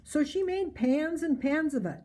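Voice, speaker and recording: A woman's voice: sits high, animated, a little slow, dark tone. An older woman reading a children's storybook aloud in a grandmotherly storytelling manner.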